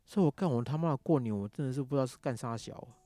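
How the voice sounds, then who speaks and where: A man's voice: mid-range voice, very fast, dark tone, dry recording. A man with a Taiwanese Mandarin accent, angrily ranting in a casual monologue, swearing often. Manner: angry ranting, heavy swearing. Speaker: podcast host.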